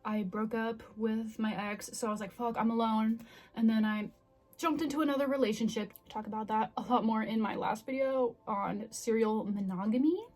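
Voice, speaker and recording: High-voiced young woman chatting candidly. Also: darkish tone. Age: 20s. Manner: candid, self-reflective. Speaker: vlogger. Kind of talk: casual confessional chat to camera.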